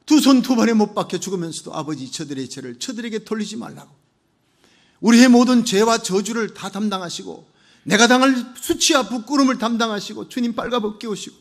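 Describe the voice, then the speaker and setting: A male pastor preaching a Sunday sermon, with fervent, rhythmic repeated phrases that swing between loud declarations and hushed low asides.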